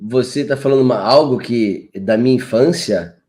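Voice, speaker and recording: Relaxed slangy guy hosting a podcast on a video call, medium voice. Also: mid-range voice, normal speed. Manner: laid-back, slangy. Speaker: podcast host. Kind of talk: casual podcast chat. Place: home in Portugal.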